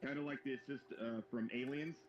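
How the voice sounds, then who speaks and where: A man's voice: medium pitch, steady tone, fairly quick. A man co-hosting a live hobby show, telling a long, rambling anecdote with many restarts. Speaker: co-host of a live modeling show. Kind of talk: casual chat, storytelling. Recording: roomy, dull sound with faint background noise.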